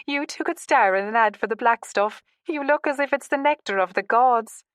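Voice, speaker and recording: A woman's voice: a little high, normal speed, fairly bright tone, dry recording, clean studio sound, voice pushed up, close to an everyday voice. A woman voicing a down-to-earth woman friend who teases in a playful, wry way.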